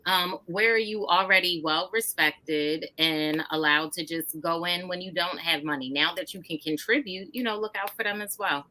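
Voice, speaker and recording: A woman hosts a casual live chat in a bright, forceful voice. She talks straight to her listeners with energy and brings her guests in. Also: on the low side, moderate pace, few pauses, low-quality recording. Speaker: host.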